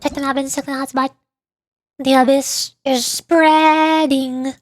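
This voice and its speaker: A VTuber streamer plays a game and offers casual commentary, chatting playfully with viewers, reacting to chat and calling out moves. Her high voice stays level and slow, and the studio-quality recording has no echo.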